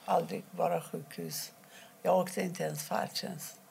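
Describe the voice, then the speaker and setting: A middle-aged woman from Iran, telling her own story in an interview, quietly and haltingly, with many pauses. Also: on the low side, big pitch swings, vocal fry, a little hiss or hum. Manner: halting, quiet and emotional, pausing often. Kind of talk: personal testimony interview.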